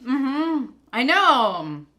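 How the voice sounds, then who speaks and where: A woman's voice: high voice, sing-song, very slow, sharp tone. A woman co-hosting a food taste test, chatting loosely with lots of filler words. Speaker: co-host of a food review show. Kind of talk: casual taste-test chat.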